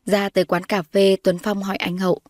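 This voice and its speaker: Brief: woman storyteller, mid-pitched, very dry close recording, reads all the parts herself. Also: flat delivery, a little fast, dry recording. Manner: reads all the characters' lines in her own voice, rising when characters shout. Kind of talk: scripted narration with voiced dialogue.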